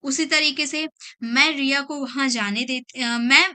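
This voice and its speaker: Woman teacher, really bright high voice, says each example slow and twice. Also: fairly even intonation. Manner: explains patiently, repeats each example sentence slowly. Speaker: English teacher. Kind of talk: spoken English grammar lesson.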